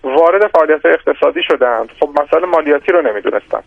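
A man with a gravelly, creaky voice gives a measured, explanatory answer as an economist guest on a radio interview, pausing and restarting as he builds his point. The sound is dry and close, with a dull, lo-fi radio quality. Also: fairly high pitch, expressive, no echo.

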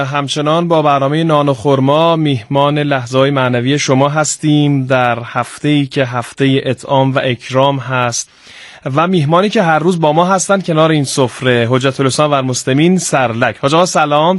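A man's voice: a little high, dry recording. A male radio host formally welcoming a guest and introducing the topic. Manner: formal, courteous, some fillers. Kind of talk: radio program hosting.

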